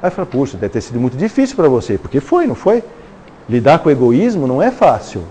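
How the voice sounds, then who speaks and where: A man's voice: medium pitch, huge pitch swings, fast, mellow, slight background noise. A middle-aged man with a Brazilian Portuguese accent giving a live spiritist lecture, acting out little dialogues and tagging questions to the audience. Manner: conversational, acts out dialogues, frequent "né?" tag questions. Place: lecture hall at a live event.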